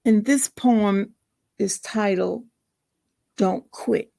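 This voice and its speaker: Slow-speaking woman with a gravelly voice. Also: medium pitch, no room sound. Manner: unhurried and gently encouraging, with fillers and restarts. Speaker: channel host. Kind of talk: casual introduction and poetry reading.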